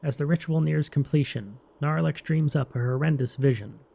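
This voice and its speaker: A man's voice: on the high side, brisk, creaky, mellow. A man narrating scripted fantasy game lore as a storyteller.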